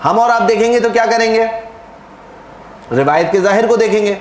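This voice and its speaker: High-voiced man giving a religious lecture. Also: echoey room, slight background noise, rough recording. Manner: explanatory, asks and answers own questions. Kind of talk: sermon lecture.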